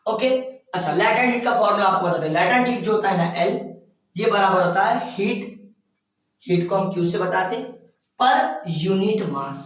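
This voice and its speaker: Male physics teacher, lecture delivery, quizzes and answers himself, drawn-out key terms, distant and heavily echoing. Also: high voice, a bit bright. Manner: asks questions and answers them himself; stretches out key terms word by word. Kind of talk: classroom lecture. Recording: very echoey room, voice from far off.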